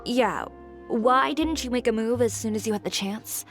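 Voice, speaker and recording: An actress playing a brisk, practical young woman on a film crew in a game, with a teasing edge. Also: a little high, faint music behind, natural voice.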